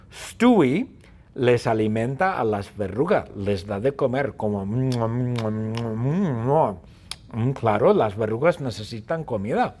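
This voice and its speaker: Narrador juguetón de voz ronca. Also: male voice, medium pitch. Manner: playful, repetitive, animated. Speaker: storyteller. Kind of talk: playful story narration.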